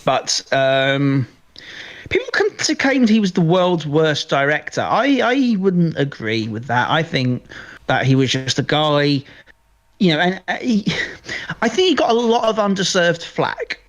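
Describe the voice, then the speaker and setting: A podcast co-host, male, talks films in a relaxed chat with a fairly high, very animated voice at a measured pace. His commentary is emphatic and opinionated, and he often repeats phrases to drive a point home.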